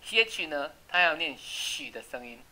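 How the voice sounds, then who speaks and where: A man teaching an English class, chatty and checking with students, slowing down to repeat words for pronunciation. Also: fairly high pitch, sing-song, bright, forceful tone, low-quality recording. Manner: asks "right?" often. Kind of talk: classroom lesson.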